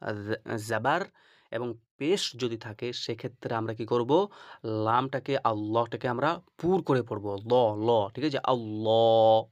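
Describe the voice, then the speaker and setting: A man teaches Quran reading in a patient, repetitive lesson style. His voice sits at a middle pitch and sounds close and dry, with no room echo. He checks in with the learner again and again and draws out example words slowly. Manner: patient and repetitive, often asking "ঠিক আছে?" and drawing out Arabic examples slowly. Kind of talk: instructional video lesson.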